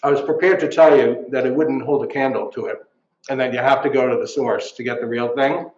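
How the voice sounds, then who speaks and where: A man's voice: mid-range voice, fairly even intonation, fairly quick, darkish tone. A man giving a chatty, jokey show-and-tell at a live event, full of wry asides. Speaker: local writer presenting. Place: art gallery at a live event. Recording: roomy, dull live recording.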